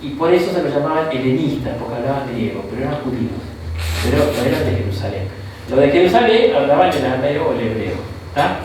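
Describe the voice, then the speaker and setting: A bishop with an Argentine Spanish accent leads a Bible course in a relaxed, conversational lecture, often tossing "¿no?" and "¿tá?" at the room and slipping in short asides. His voice sits at medium pitch and moves quickly. The mic is far off in an echoey room, with a little hiss or hum.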